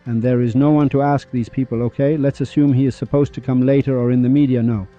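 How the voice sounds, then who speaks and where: A man's voice: medium pitch, steady tone, quick pace, faint music behind. A man hosting a monologue podcast who tells dramatic stories in a rhetorical, preachy way, repeating lines for effect. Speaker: podcast host. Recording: slightly dull lo-fi recording.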